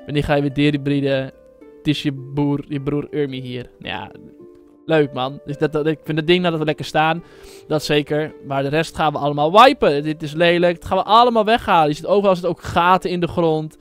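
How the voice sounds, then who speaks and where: A man's voice: on the high side, fairly even intonation, fairly quick, faint music behind. A man hosting his own gaming channel, giving casual, rambling commentary full of fillers and slang.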